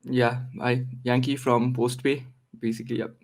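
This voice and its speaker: A man's voice: mid-range voice, flat delivery, moderate pace. A man from Nepal presenting at a conference, casual with many fillers. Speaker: conference speaker.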